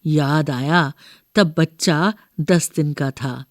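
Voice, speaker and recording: In a storybook reading, a woman voices a doting old grandmother who rambles slowly, reminisces in a muddled way, and keeps correcting herself. Her voice sits low and is pushed down, recorded cleanly at studio quality with no echo.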